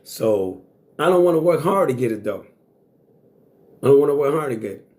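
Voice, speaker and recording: A man's voice: mid-range voice, animated, moderate pace, a little mellow. A man in his sixties speaking in a blunt, boastful monologue to camera, swearing freely and repeating himself. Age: 60s. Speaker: vlogger.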